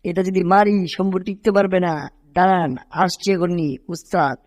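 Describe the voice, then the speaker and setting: A man's voice: sits high, steady tone, moderate pace, no echo, lightly acted. A man voicing a timid male cartoon cat in a fan cartoon dub. He wails and yelps whenever he gets hurt. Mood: eager.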